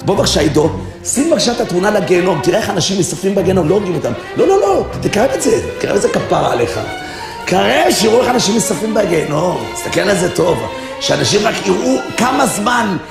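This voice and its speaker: A man preaching with a gravelly edge, his voice leaping from low asides to piercing high yells. He sounds roomy and echoey, as if he is in a hall. Loud music plays over him the whole time. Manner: shouting, swinging from low mutters to high yells. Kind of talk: fiery sermon to an audience.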